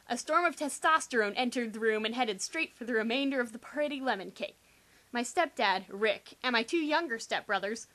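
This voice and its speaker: An amateur reader, a young woman with a bright, slightly high voice, gives a dramatic reading of a first-person teen novel. Her delivery is theatrical, with exaggerated, sarcastic emphasis.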